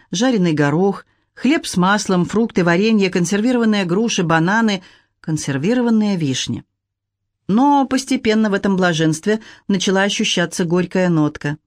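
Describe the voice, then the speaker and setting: An audiobook narrator reads a novel aloud at a medium pitch, keeping an even, measured storytelling pace. This is scripted narration captured as clean studio sound with no room sound at all.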